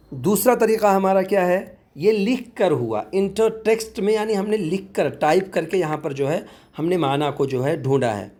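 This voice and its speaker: A man's voice: a little high, mellow. A man working as an online tutor, patiently explaining a phone app step by step in a tutorial voice-over and repeating words as he goes.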